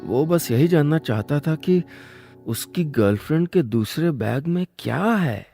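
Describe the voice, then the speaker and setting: A man's voice: on the high side, expressive, a little slow, vocal fry, mellow, soft background music. A man narrating a scripted audio story in a conversational, wry manner.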